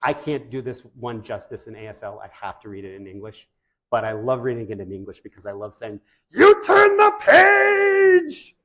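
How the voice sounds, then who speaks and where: A man's voice: lowish voice, fairly even intonation, quick pace. A man giving an informal presentation to parents of deaf children, enthusiastic and conversational, with loose, chatty phrasing.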